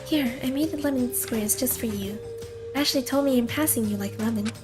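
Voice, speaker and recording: A woman's voice: a little high, a little fast, music in the background. A woman casually reading a visual novel aloud in character, with playful asides.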